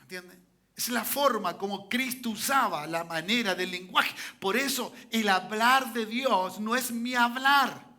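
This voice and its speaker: A man preaching in a church, his voice sitting high for a man and ringing very bright and forceful. He drives his points home by repeating them and keeps checking in with his congregation. He asks them for amens as he goes. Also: a little slow. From Chile. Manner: repetitive, peppers lines with "¿cierto?" and "¿ya?". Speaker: pastor. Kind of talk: sermon.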